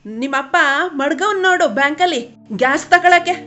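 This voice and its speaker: A woman playing a rough, scolding village mother. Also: very high-pitched, brisk, a bit bright, faint music behind. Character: poor widowed village mother, harsh, overworked. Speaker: actor. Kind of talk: short film drama.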